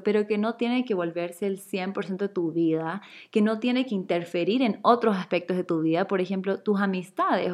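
Young woman from Chile, casual vlog monologue, chatty and candid, medium pitch. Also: darkish tone. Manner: chatty, candid, frequent fillers and laughs.

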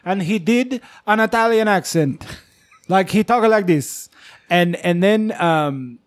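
A man's voice: high-pitched, lively intonation, slow pace. Loose, profane joking man. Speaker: podcast co-host. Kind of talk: casual chat.

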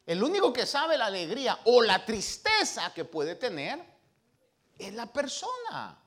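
A man preaching a sermon as pastor, swinging from loud emphasis to hushed tones and reading scripture slowly and emphatically. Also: very high-pitched, huge pitch swings.

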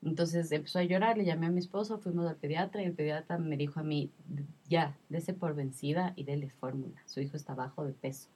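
A woman's voice: deep voice, steady tone, fairly quick, mellow, breathy edge. A woman in her thirties in a casual conversation, telling a personal story with emotion and a lot of repetition. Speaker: guest sharing her experience.

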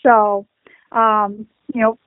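A podcast co-host tells rambling stories in a casual, easygoing chat, her mid-range voice flat and extremely slow. The recording is dry with no room sound and a lo-fi, phone-like quality.

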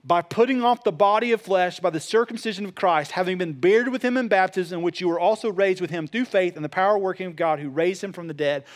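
A male preacher speaks in a rather high voice for a man. He addresses listeners earnestly and directly, building his sermon with repetition and rhetorical questions. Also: quick pace, few pauses. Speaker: pastor preaching.

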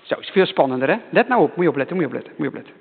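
A male pastor giving a lively children's sermon, repeating himself to keep the children's attention. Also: a little high, very fast, creaky, breathy edge, big-room sound, narrow, tinny audio. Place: church.

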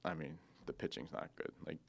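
A man's voice: extremely low pitch, steady tone, a little fast, creaky, breathy edge, no echo. A man, a professional baseball player, chatting casually and giving blunt, repeated short verdicts. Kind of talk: casual chat.

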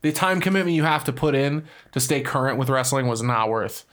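A man's voice: mid-range voice, animated, fairly quick, a bit bright. A man chatting casually as a co-host, rambling and slangy with some swearing. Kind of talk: casual chat.

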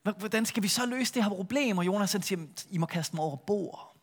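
A middle-aged man preaching a sermon, retelling a Bible story with lively shifts between a full voice and a soft hush. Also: high voice, slightly rough. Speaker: pastor.

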